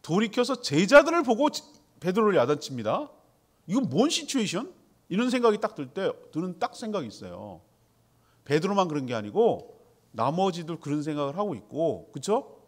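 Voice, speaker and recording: Guy preaching, voice jumps all over, kinda high for a man, chatty with lots of questions to the crowd. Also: a little fast. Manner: animated, conversational preaching with rhetorical questions. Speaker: pastor. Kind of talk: sermon.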